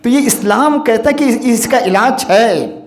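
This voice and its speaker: A man, an imam, giving a Friday sermon with earnest exhortation and recited Arabic verses. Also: very high voice. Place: mosque. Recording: echoey mosque hall.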